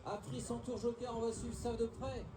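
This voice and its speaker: A man's voice: extremely high pitch, flat delivery, a little fast. A man giving live motorsport commentary, urgently repeating short phrases as the race unfolds. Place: outdoors at a car race track. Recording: noisy outdoor trackside with engine noise.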